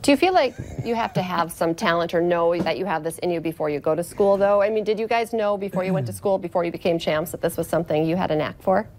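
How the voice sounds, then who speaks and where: A woman's voice: lowish voice, quick pace, few pauses, darkish tone, slight background noise. A woman hosting a casual interview, inquisitive and enthusiastic. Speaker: interview host.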